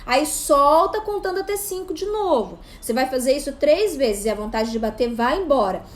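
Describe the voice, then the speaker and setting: A woman in her thirties, a psychopedagogue, giving casual parenting advice to camera in an animated way. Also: sits high, normal speed. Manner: animated, acts out parent and child voices. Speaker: psychopedagogue and parenting channel host.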